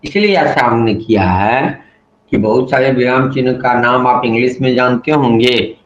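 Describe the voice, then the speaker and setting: A man teaching Hindi grammar in a measured, explanatory way. He slows down to stress example sentences and mixes English words into his talk. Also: medium pitch. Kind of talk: explanatory lesson. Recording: echoey room, dull lo-fi sound with faint noise.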